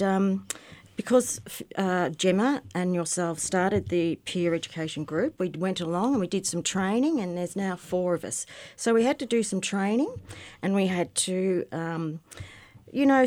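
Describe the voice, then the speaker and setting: A woman's voice: medium pitch, normal speed, darkish tone, no room sound. A woman over fifty, speaking candidly as a guest on a community radio talk show. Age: 50s. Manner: candid, conversational. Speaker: guest, peer educator. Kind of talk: casual radio interview.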